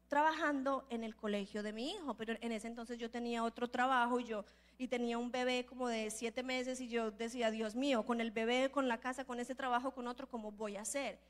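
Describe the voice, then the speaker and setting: A woman preaching at a church conference, telling a personal testimony in a lively way and acting out the people in her story. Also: high-pitched. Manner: lively storyteller who acts out the voices in her stories; earnest, building to emphatic declarations. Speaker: prophet and preacher.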